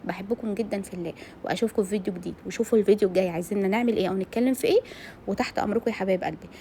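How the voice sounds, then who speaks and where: A woman's voice: medium pitch, racing, warm tone, slight background noise. A woman with an Egyptian Arabic accent, chatting while she cooks in her home kitchen. She talks outspokenly and straight to her female viewers. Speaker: cooking vlogger. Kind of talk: casual chat while cooking.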